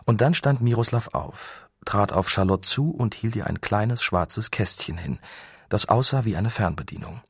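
A man narrating an audiobook in calm, measured storytelling. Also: fairly low pitch, slightly rough, no echo, studio quality. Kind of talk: scripted narration.

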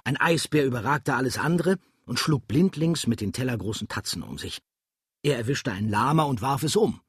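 A man's voice: medium pitch, expressive, moderate pace, slightly rough, no echo, clean studio sound. A man narrating an audiobook with a dramatic, vivid reading style. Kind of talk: scripted narration.

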